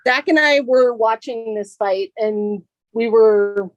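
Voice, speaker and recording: A woman's voice: a little high, takes it slowly, no room sound, highs cut off. A woman guest on a podcast, a robot team co-captain, speaking earnestly and with feeling. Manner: emotional, earnest. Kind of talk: casual podcast chat.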